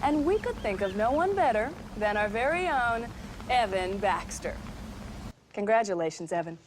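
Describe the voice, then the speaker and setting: Woman playing a polished news anchor, measured, medium voice. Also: mid-range voice, expressive, background noise, close to an everyday voice. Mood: formal. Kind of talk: formal newscast reading.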